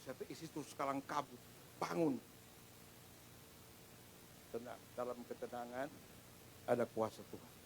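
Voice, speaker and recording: A middle-aged male pastor preaching a sermon in a church, swinging between loud proclamation and hushed storytelling. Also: medium pitch, unhurried, gravelly, pauses often, slight background noise, low-quality recording. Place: church sanctuary.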